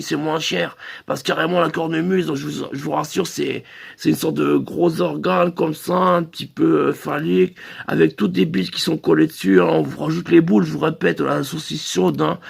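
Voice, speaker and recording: A man's voice: fairly high pitch, vocal fry, breathy edge. A man performing a comic phone-sketch monologue as a sex-shop receptionist, rambling through crude sales patter full of hesitations.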